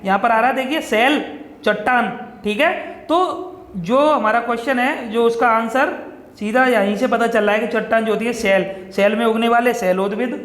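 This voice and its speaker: A man teaching exam-prep science to viewers, often checking in and asking then answering his own questions. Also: very high-pitched. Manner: repeats "ठीक है दोस्तों" often, asks and answers own questions. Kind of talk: explaining quiz questions to viewers. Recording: echoey room with long reverb.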